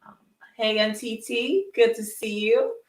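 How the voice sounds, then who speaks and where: A woman's voice: fairly high pitch, fairly even intonation, a little slow. Cheerful older woman, distant echoey mic. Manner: cheerful, greets viewers one by one, laughs often. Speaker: co-host. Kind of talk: live-stream shout-outs. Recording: echoey room, far from mic, faint noise.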